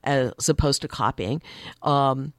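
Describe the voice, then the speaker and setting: A woman's voice: takes it slowly, no echo. A woman working as a communication coach, a guest chatting casually at a studio desk mic and acting out quoted voices now and then. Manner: acts out quoted voices with lively pitch swings. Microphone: desk microphone.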